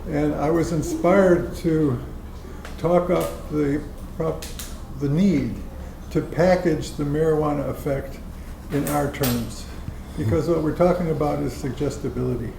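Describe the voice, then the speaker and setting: Rambling chuckly guy talking about his show at a dinner, gravelly voice, echoey noisy room. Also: on the high side, measured pace. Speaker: public-access show producer. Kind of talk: casual chat at a dinner meeting. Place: dinner gathering indoors. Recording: echoey room, background noise.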